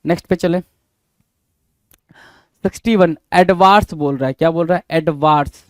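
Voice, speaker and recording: A man teaches English spelling, spelling out each word letter by letter and answering his own questions. His voice sits a little high for a man. The recording is dry and close, with no room sound. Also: normal speed, no echo. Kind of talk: spelling lesson.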